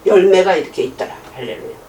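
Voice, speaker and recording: A woman's voice: lowish voice, fast talker, a little hiss or hum. A middle-aged woman preaching a sermon, telling stories and acting out both sides of conversations, laughing often. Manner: animated, acts out dialogue in different voices, laughs often. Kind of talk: sermon with storytelling. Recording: echoey room picked up from a distance.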